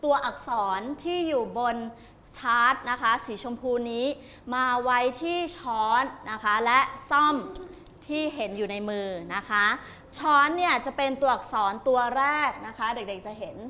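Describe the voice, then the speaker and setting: A woman's voice: a little high, normal speed. A female primary school teacher in a classroom, patiently explaining an activity to young children. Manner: patient, gentle explaining with polite particles. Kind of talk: classroom instruction.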